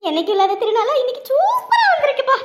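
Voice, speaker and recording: A woman's voice: extremely high pitch, wildly swooping pitch, fast, roomy sound, full character voice. A woman in a village comedy skit playing a greedy young wife who wails and whines about her food. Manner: wailing over a burnt mouth.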